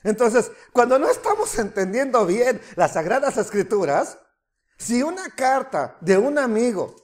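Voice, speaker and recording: A man preaching a sermon as pastor, animated, with mocking asides and rhetorical questions. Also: very high voice, unhurried.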